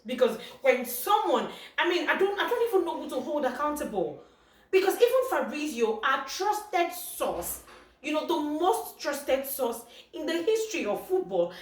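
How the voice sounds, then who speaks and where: A woman vlogging about football in an upset, exasperated way, often repeating herself. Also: sits high. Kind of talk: casual vlog commentary. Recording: echoey room heard from a distance.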